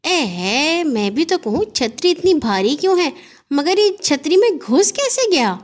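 Woman playing a sweet little sister, calm and gentle, high voice. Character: kindly little girl, the boy's sister.

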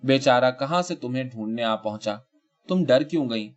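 A man playing a worried husband who comforts his wife in a soft, husky voice, in an audio short story. The pitch sits in an ordinary middle range, and the recording is dull and lo-fi. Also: expressive, lightly acted. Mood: tender. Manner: soft, husky, gently reassuring.

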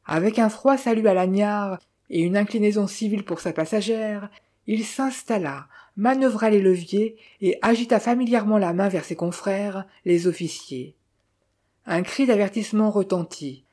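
Woman reading a novel aloud, calm and measured, warm mellow voice. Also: mid-range voice. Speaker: narrator. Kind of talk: scripted narration of a novel.

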